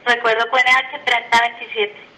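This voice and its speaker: A woman's voice: a little high, flat delivery, normal speed, crowd noise, low-quality recording. A woman air traffic controller giving procedural instructions to aircraft over the radio. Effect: aviation radio.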